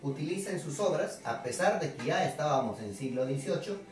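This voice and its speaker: A male teacher lectures in a lively, swooping voice, peppering his talk with rhetorical questions and playful jabs at the class. He sounds distant from the mic, in a very echoey room with faint music behind him. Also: a little high, brisk. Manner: chatty, constantly asks rhetorical questions with tag '¿no?'; addresses students directly, playful and teasing. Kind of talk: classroom literature lecture to students.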